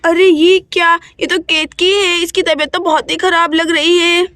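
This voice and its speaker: An older village midwife, as a woman puts her on soothes and gives firm orders in a doll-play story. The voice is still very high and bright, and close and dry. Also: level tone, normal speed, no echo. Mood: firm calm. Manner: soothing and commanding.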